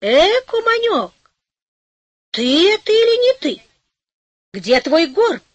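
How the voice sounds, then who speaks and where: A woman's voice: extremely high pitch, sing-song, takes it slowly, dry recording, pitched above the performer's own voice, full character voice. A greedy grumpy old crone, as a woman puts her on. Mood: sly. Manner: grumbling, scornful.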